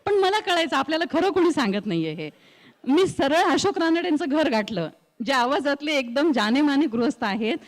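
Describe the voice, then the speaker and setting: A middle-aged woman with a rural Marathwada Marathi accent, telling her story as an interview guest in an expressive way that acts out the voices she quotes. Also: high-pitched, normal speed, in a large hall. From Marathwada, India. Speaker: guest, news reader and anchor.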